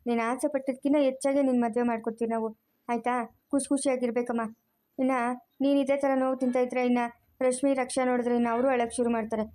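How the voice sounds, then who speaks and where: A woman voicing a warm, firm motherly woman in a cartoon who comforts a crying girl. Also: a little high, little pitch movement, natural voice. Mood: comforting. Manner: fast, soothing, repeats comfort.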